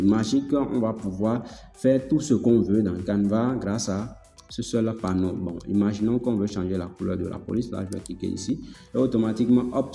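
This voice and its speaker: A man hosting a casual software tutorial, talking it through step by step, repeating himself and checking in with his listeners. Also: lowish voice, gravelly. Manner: chatty, filler-heavy explaining. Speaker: tutorial host. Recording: echoey room, long reverb, faint music.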